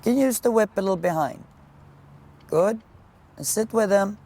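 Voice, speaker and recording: Woman coach calling brisk, projected riding commands. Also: medium pitch, animated, mellow, a little hiss or hum. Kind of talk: live riding instruction.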